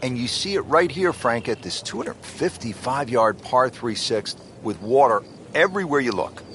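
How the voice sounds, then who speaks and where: A man working as a golf commentator in a video game, with a measured, polished TV announcer delivery. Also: medium pitch, expressive, fairly bright tone, slight background noise, natural voice. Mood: composed, appreciative. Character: male TV golf commentator, composed and appreciative. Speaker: lead golf broadcast commentator. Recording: background music and crowd ambience.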